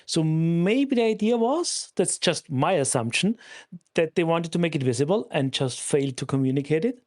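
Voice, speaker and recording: A man on a podcast giving a measured, careful explanation of game mechanics. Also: a little high, lively intonation, a little mellow. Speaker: co-host analyst.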